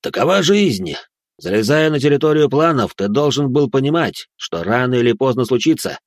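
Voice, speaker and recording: A rough, swaggering bald thug, as a male narrator plays him, loud and coarse, a touch higher and pushier than the reader's usual voice. Dry, close recording. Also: lively intonation, moderate pace, no echo, lightly acted. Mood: cocky. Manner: coarse, swaggering street talk. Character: bald, brutish male gang leader, cocky then howling.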